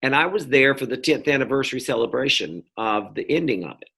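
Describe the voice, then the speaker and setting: A man's voice: mid-range voice, expressive, quick pace, creaky, bright, forceful tone, husky. A middle-aged man from North Carolina, talking as an interview guest in a rambling, casual way, with many fillers and restarts. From North Carolina, US South. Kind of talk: casual conversation.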